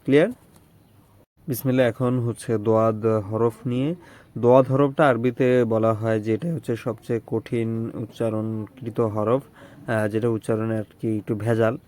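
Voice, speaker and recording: A man's voice: on the low side, level tone, moderate pace, darkish tone. A man teaching Arabic letter pronunciation, repeating each syllable several times and checking in with the listener. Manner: drills syllables over and over, checks in with "okay?".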